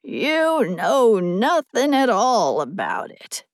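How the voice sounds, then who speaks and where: A woman voicing an old, hoarse male yard dog in a storybook, talking in a slow, knowing, lecturing way. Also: a little high, huge pitch swings, dry recording, clean studio sound, heavily acted.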